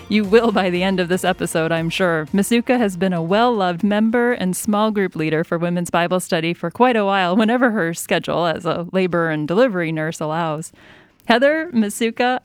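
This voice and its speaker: A woman's voice: on the low side, no room sound. A woman hosting a conversational Bible study podcast and teaching as she goes.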